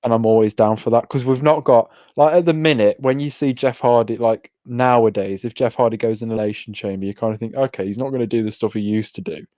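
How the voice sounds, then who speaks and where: A man's voice: mid-range voice, quick pace, few pauses, dark tone, no echo, studio quality. A man co-hosting a podcast, chatting casually with enthusiasm and frequent laughter. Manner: enthusiastic, laughs often, jokes. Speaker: podcast co-host. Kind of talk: casual recap chat.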